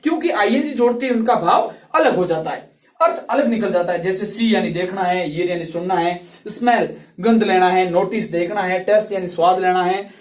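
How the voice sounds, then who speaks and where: A male English tutor explaining grammar rules slowly and patiently, repeating each word and drawing out its sounds. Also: high voice, recorded from a distance. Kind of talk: classroom grammar lesson. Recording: roomy, voice from off the mic.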